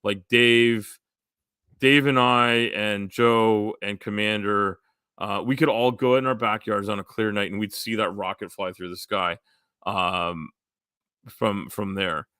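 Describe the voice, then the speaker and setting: A man hosting a casual livestream chat, rambling with lots of fillers and going hoarse. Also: lowish voice, fairly even intonation, slow pace, pushed and bright, dry recording, clean studio sound. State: losing his voice. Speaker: live stream host.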